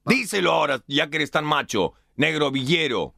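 A man's voice: a little high, expressive, moderate pace, gravelly, bright, forceful tone, dry recording, studio quality, heavily acted. A man voicing a sly bystander who goads others into a fight in a radio comedy sketch. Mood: goading. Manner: goading.

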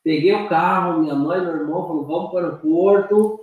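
A man's voice: a little high, brisk, narrow, tinny audio. A young Brazilian man with a Brazilian Portuguese accent, telling a story as a guest in casual chat, chatty and repeating words with slangy fillers. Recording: echoey room, far from the mic.

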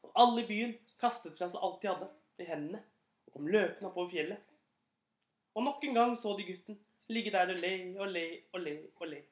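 Woman telling a fable in an echoey room. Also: medium pitch. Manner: unhurried, gently expressive storytelling. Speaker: storyteller. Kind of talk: reading a children's fable aloud.

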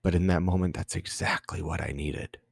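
A young adult man hosting a podcast, telling a candid personal story in a halting way with many ums and restarts, tearful at times. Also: sits low, fairly even intonation, gravelly, husky, no echo, clean studio sound. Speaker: podcast host. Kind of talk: personal reflective monologue.

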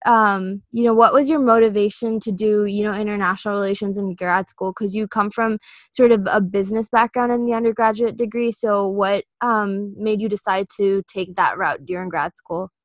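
A woman hosting an interview show, upbeat and encouraging, often filling pauses with "um" and "mm-hmm". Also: mid-range voice, fairly even intonation, no room sound. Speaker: podcast host. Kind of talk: casual interview.

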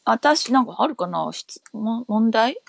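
Young woman, light Hakata accent, animated pitch, dry sound, quick easygoing reactions. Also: vocal fry, no echo. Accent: light Hakata dialect. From Fukuoka, Japan. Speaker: podcast co-host. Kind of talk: casual chat.

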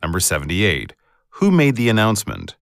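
A man reading scripted exam questions as a test narrator, formal and clearly enunciated. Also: fairly low pitch, wildly swooping pitch, a little fast, no echo, studio quality.

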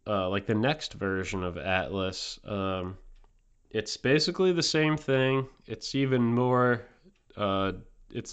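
A man's voice: fairly low pitch, clear, resonant tone. A man with a New Jersey accent hosting a comedy podcast, talking hesitantly with lots of fillers. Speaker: podcast host.

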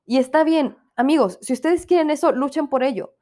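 A woman's voice: sits high, a little fast, warm tone. A young woman with a Mexican accent hosting a casual podcast review, ranting irreverently with plenty of swearing and mimicking people she talks about. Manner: mimics others in put-on voices. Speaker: podcast host reviewing a series.

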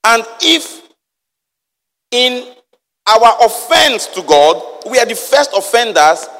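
A man preaching in a high, ringing voice, firing questions at his congregation as he works through the verses. His words carry the long echo of a big hall. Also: very animated, takes it slowly, a bit bright. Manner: emphatic, rhetorical questions to the congregation. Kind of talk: lively sermon with Bible reading.

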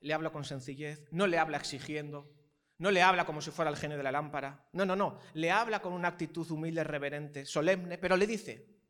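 A man's voice: a little high, a little fast, a bit bright. A male pastor preaching a sermon. He is emphatic, repeats phrases for weight and keeps asking the congregation questions.

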